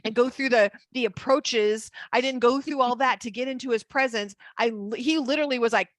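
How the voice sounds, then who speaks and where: A woman co-hosting a casual Bible study chat, telling a personal story and slowing down for emphasis. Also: on the high side, no echo. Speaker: Bible teacher and co-host.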